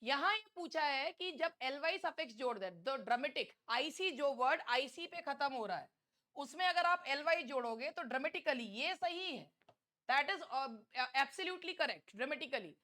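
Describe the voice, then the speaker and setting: High-voiced teacher, chatty and teasing. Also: female voice, lively intonation, pushed and bright. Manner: chatty, scolding, teasing students; reads questions slowly. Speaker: English teacher. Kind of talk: exam-prep lesson.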